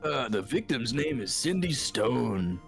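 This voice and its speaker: A man's voice: mid-range voice, sing-song, measured pace, creaky, faint music behind. A man reading the lines of a nervous young defense lawyer, hesitant and unsure. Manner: hesitant, with "uh" fillers.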